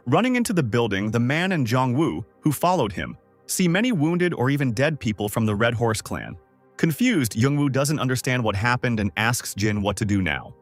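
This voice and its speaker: A man narrating a comic recap in a steady, scripted storytelling delivery. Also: medium pitch.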